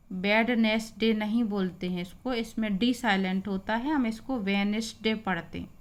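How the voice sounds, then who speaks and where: A woman leads a pronunciation lesson at a very slow, deliberate pace. She spells words out letter by letter and repeats each example patiently, her voice sitting at a middle pitch. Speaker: English teacher.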